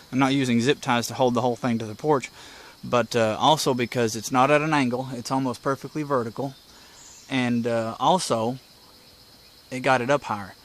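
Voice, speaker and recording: Insects and birds ring out clearly around a man recorded outdoors by a house porch. In a mid-range, fairly bright voice, the hobbyist presenter walks through the steps casually and in a folksy, plainspoken manner.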